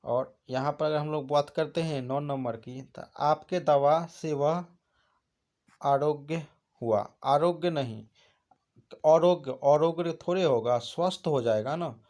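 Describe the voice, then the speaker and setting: A man's voice: on the high side, a little slow, darkish tone. A man teaching an exam prep lesson, asking questions and answering them himself. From India.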